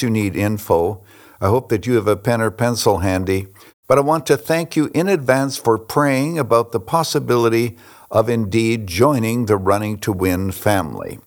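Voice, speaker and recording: A man's voice: on the low side, normal speed. A man speaking for a radio ministry, appealing directly to listeners to support the ministry. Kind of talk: fundraising appeal.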